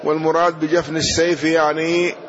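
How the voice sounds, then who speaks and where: A man teaching a hadith lesson, explaining each point in a measured way and often pausing on "na'am". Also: a little high, flat delivery, fairly bright tone. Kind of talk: slow explanatory lesson commentary. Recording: dull lo-fi recording.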